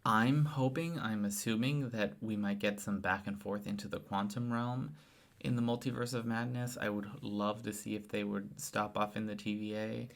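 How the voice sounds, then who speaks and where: A man's voice: fairly low pitch, steady tone, moderate pace, vocal fry. A tired man talks loosely in casual chat. He rambles, restarts his sentences and trails off as he thinks aloud, like a podcast co-host late at night.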